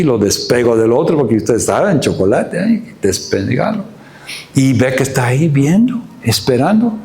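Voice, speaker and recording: Lively, animated male pastor. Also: medium pitch. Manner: animated storytelling with acted-out dialogue. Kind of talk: sermon. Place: church. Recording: roomy church hall.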